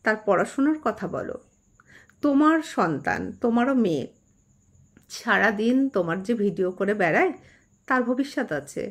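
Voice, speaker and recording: A woman's voice: a little high, a bit bright. A woman astrologer hosting her own channel, earnestly admonishing someone she calls mother in a direct-address vlog.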